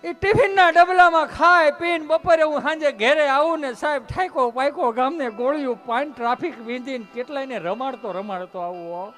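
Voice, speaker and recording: A man's voice: extremely high pitch, fairly quick, few pauses, pushed and bright, soft background music. A man telling a comic story on stage, animatedly addressing his audience. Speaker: stand-up comedian.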